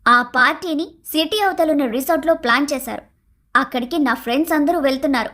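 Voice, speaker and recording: Woman acting cartoon young wife, high pitched, demanding, complaining, taunting, shouting. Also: fast talker. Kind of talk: animated cartoon story voice acting.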